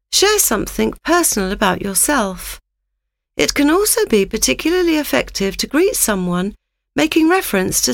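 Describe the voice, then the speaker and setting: A woman giving a scripted, instructive narration in a measured reading manner. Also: fairly high pitch, gravelly, no room sound, studio quality.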